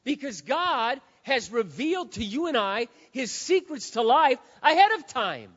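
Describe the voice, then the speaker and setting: Preaching a sermon in a big, reverberant hall, this high-voiced pastor sounds dull and hoarse, and he says his voice is gone. His delivery is sing-song and unhurried, yet it swings from hushed, sincere pleas to booming, fervent shouts.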